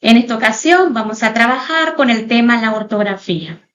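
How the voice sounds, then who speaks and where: A woman's voice: a little high, a bit bright, highs cut off. A woman teacher giving a recorded online lesson, speaking formally and explaining points step by step to her students. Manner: pauses to spell out example words slowly. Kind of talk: recorded online class lecture.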